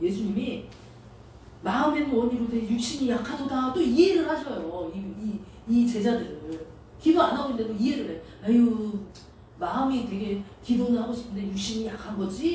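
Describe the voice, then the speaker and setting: A woman's voice: fairly high pitch, mellow. Woman preaching in an echoey hall. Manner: conversational, storytelling with acted quotes. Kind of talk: sermon. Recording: echoey hall, distant mic, faint noise.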